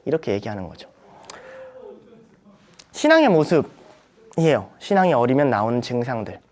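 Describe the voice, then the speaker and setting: A young man teaching a Bible study for church teachers, animated, acting out quoted voices with big jumps in pitch. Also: normal speed. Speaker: youth ministry preacher teaching teachers.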